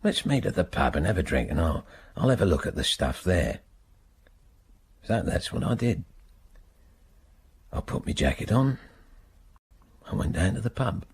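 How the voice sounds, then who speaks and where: A man's voice: low-pitched, sing-song, moderate pace, pauses often, breathy edge, exaggerated voice. An actor playing a resentful middle-aged man just freed from prison, grumbling at the guards in a radio drama. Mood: recounting.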